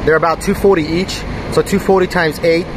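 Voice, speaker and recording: Holding his phone camera in one hand, a man who runs a mining farm tours a big server room full of fans and talks through hardware faults as he inspects the equipment. His voice is on the high side, fairly even in intonation and a little fast. The casual walkthrough is full of thinking aloud over a heavy fan and AC hum.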